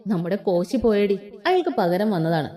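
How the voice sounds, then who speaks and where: A woman's voice: medium pitch, sing-song, normal speed, dark tone, pitched below the performer's own voice, natural voice. Dramatic college friend woman doing the voice, over-the-top, swoopy.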